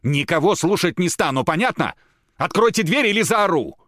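A man's voice: high-pitched, sing-song, moderate pace, fairly bright tone, no echo, studio quality, voice pushed up. A man voicing a frightened young woman who screams her demands in hysterics. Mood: hysterical, shouting.

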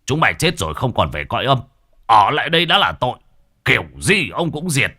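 A man voicing a brash, hot-headed male exorcist sidekick who yells threats. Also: mid-range voice, sing-song, fairly quick, voice pushed up, heavily acted. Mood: furious.

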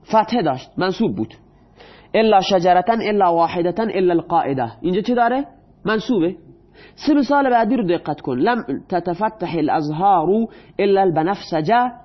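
A high-pitched male teacher covers grammar in Persian, slowly reading example sentences and posing questions to students before answering them himself. The recording has its highs cut off.

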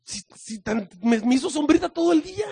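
A man with a Mexican accent voicing a sulking, childish prophet who whines, pleads and shouts in angry outbursts. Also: high voice, steady tone, fairly quick, breathy edge. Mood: whiny grief.

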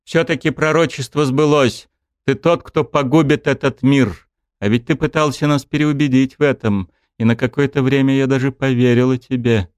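A man voicing an elder female dryad who speaks calmly with bitterness and sorrow. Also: medium pitch, measured pace, clear, resonant tone, no room sound, clean studio sound, pitched above the performer's own voice, lightly acted. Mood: sorrowful. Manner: calm, bitter and sad.

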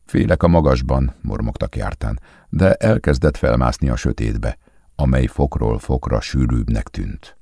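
A man reads a novel aloud in a calm, measured way. His voice sits extremely low, with a gravelly fry and a husky edge. The close recording is dry, with no room sound. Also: no room sound. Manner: calm, measured literary reading. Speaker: audiobook narrator. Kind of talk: scripted audiobook narration.

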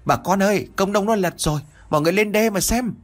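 A man voicing a young village man shouting an urgent alarm to the villagers. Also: fairly high pitch, expressive, rapid-fire, slightly rough, pitched above the performer's own voice.

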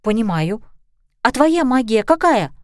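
A woman reading a storybook, voicing an earnest, careful young heroine in a steady voice. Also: on the high side, unhurried, no echo, clean studio sound. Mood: curious.

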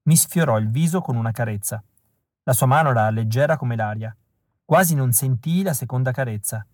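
A man narrates a novel in a calm, measured, reflective reading voice of ordinary middle pitch. He is recorded close to the mic, and the sound is dry with no room echo. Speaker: audiobook narrator. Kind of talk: literary audiobook narration.

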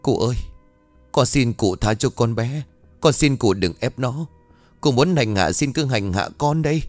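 A man's voice: mid-range voice, animated, a little slow, darkish tone, no echo, lightly acted. A terrified peasant mother begs and pleads with humble, desperate words, her voice rising and falling with feeling, as a male narrator reads her part. The sound is dry and close, with faint music behind. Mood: pleading.

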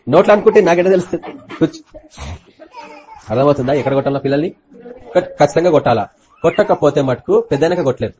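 A man preaching a Good Friday sermon, firing rhetorical questions at the congregation and swinging between loud bursts and quiet asides. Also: fairly high pitch, slight background noise. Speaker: pastor.

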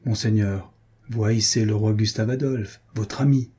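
A man's voice: lowish voice, fairly even intonation, a little slow, dark tone, husky. A man voicing a stern, menacing soldier-captain who speaks in clipped, bitten-off words. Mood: curt. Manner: clipped, chewing his words.

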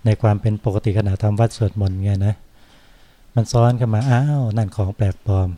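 An older male Buddhist monk from Thailand giving an informal Dhamma talk in an unhurried, reflective way, often closing phrases with a soft tag word. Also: fairly low pitch, steady tone.

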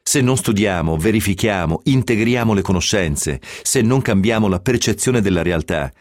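A man presenting a radio reading segment in a measured, clear announcing voice. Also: lowish voice, animated, dry recording, studio quality. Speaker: radio host. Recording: music playing behind.

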